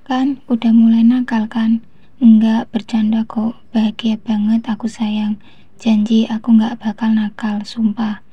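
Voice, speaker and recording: A woman reads out a flustered, lovestruck young man from a storybook, rambling and teasing in a breathy, even voice. The sound is dry and a little dull. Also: a little high, unhurried, no echo.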